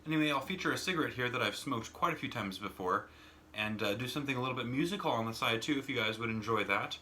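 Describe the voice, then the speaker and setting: A man's voice: medium pitch, fast, bright, forceful tone, slight background noise. An American man vlogging in a casual, rambling monologue, repeating words and adding "and whatnot" as he talks from a smoking room at home. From United States. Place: home smoking room with door open and fan on.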